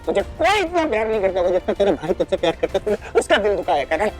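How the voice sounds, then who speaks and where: A hurt, scolding elder brother. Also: male voice, sits high, sing-song, fast, faint music behind. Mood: wounded scolding. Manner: emotional scolding, pleading then shouting.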